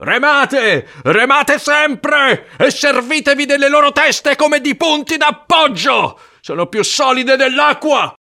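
A woman's voice: a little high, very animated, slow pace, pitched above the performer's own voice, full character voice. A woman voicing a fierce, obsessed male sea captain who barks orders at his crew in a storybook reading. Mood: commanding, furious. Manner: shouted orders, raised and strained.

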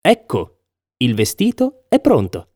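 A man voicing sly swindler tailors in a storybook reading, with smooth, persuasive patter. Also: mid-range voice, huge pitch swings, a little slow, darkish tone, no room sound, studio quality. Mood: proud.

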